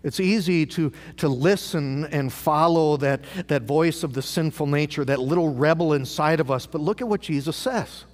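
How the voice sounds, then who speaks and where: A man's voice: on the high side, moderate pace, hardly any pauses. A man preaching a sermon as pastor, asking rhetorical questions and repeating phrases for emphasis. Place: large church sanctuary. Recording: live church broadcast with long hall reverb.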